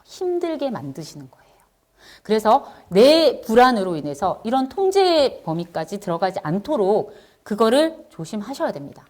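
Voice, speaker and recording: A woman's voice: fairly high pitch, sing-song, moderate pace, a little mellow. A middle-aged woman teacher giving a talk to parents, explaining, asking the audience questions and acting out what parents and children say. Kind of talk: lecture to parents.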